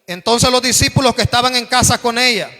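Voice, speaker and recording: High, bright-voiced fervent male preacher. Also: fairly quick. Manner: fervent preaching, often addressing listeners as brother. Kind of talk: sermon. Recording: long reverb of a hall.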